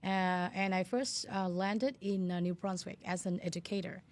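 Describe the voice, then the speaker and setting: Her voice sits on the low side, a little mellow, with fairly even intonation and a moderate pace. She's a Vietnamese-accented woman in her thirties from Hanoi, an educator and CEO who earnestly shares her story as an interview guest using non-native phrasing.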